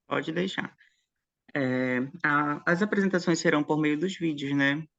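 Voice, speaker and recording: A friendly, chatty man talks shop before an online session, laughing easily between remarks. His voice is gravelly and sits a little high for a man. The video call audio sounds dull and lo-fi. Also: measured pace, a bit bright. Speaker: conference session leader. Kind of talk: casual online meeting chat.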